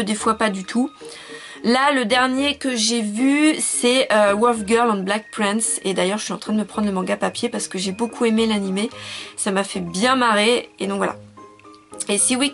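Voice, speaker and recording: A woman in her twenties chatting casually as she answers viewer questions in a video, with lots of fillers and quick self-corrections. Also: medium pitch, fairly bright tone. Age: 20s. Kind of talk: casual chat.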